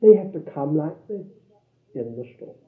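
A man preaching a sermon, swinging between loud declarations and hushed low phrases and repeating lines for emphasis. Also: lively intonation, normal speed. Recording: tinny, echoey old hall recording.

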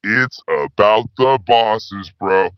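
A man playing a rambling, slang-talking male spy who calls in with his voice pitched down. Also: slow, clean tone, no room sound. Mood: laid-back. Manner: stoner slang, rambling, laid-back. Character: slacker male spy caller with disguised voice. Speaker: caller. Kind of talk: comedy call-in sketch. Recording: dull lo-fi phone call.

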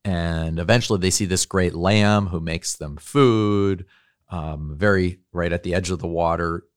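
A man's voice: deep voice, fairly even intonation, a little slow, smooth, dry recording, clean studio sound. A man who teaches at a university, giving a thoughtful lecture on literature and faith and often checking in with tag questions.

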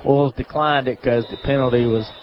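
A man giving casual play-by-play commentary on a high school football game, with folksy phrasing. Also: fairly even intonation, normal speed, a little hiss or hum. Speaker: play-by-play announcer. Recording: muffled lo-fi broadcast with faint crowd.

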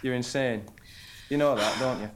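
A man's voice: medium pitch, moderate pace, lightly acted. A man playing a dry, teasing boyfriend on a camping trip in a comedy audio drama. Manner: dry, teasing, swears casually.

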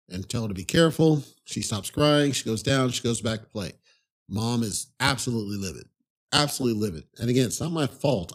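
A man with a husky, slightly breathy voice at an ordinary middle pitch talks through a personal story as a podcast host. His delivery is loose and conversational. He circles back on himself and scatters "you know" through his sentences, with an exasperated edge. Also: darkish tone. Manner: rambling, conversational, frequent "you know" asides. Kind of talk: casual storytelling monologue.

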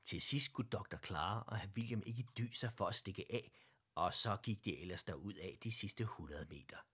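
A man with a Danish accent narrating a children's storybook in a gentle, even way. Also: fairly low pitch, breathy edge.

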